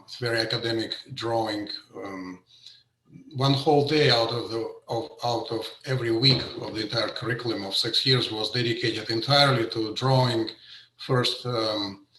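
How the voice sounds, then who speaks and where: A middle-aged man gives an informal talk about his painting, stopping often on fillers and restarting his phrases. His voice is bright and forceful. The sound comes over a video call from an echoey room. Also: mid-range voice. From Russia. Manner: hesitant, many fillers and restarts. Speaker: painter giving an artist talk. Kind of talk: informal presentation.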